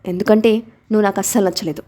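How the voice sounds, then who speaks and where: A woman's voice: medium pitch, fairly even intonation, rapid-fire, mellow, lightly acted. A woman voicing a bossy, indignant little boy. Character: stern, proud little boy, protective of his dad.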